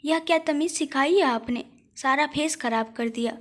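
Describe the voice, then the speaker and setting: A sharp-tongued, furious mother from an audio storybook, as a woman reader puts her on. She scolds in a high, cutting voice. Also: normal speed, lightly acted. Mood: angry. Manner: scolding, loud. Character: angry, sharp-tongued mother of another boy.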